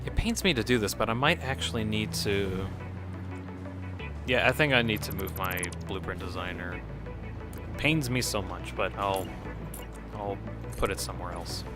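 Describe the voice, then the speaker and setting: Speaking at a moderate pace in a lowish voice with long pauses, a man streams and plays a game while chatting and rambling casually. He answers chat, chuckles often and sounds slightly nasal from a cold, with game music in the background.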